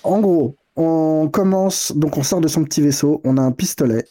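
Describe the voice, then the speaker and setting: A man co-hosts a casual chat about video games. His voice is mellow and warm yet sits slightly high. He explains things thoughtfully, hedging as he goes. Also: moderate pace. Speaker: podcast co-host.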